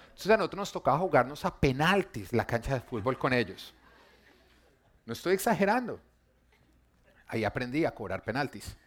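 A man preaches, talking in a relaxed, chatty way as he weaves personal stories into his sermon. His voice sits in a middle register for a man, and he drops it soft and quiet when the moment turns tender. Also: mid-range voice, normal speed, long pauses. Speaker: pastor.

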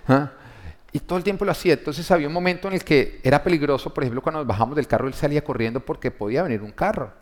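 A man's voice: on the high side, rapid-fire. A pastor preaching a sermon, an emphatic man who asks his congregation rhetorical questions. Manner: emphatic, swelling louder on key points.

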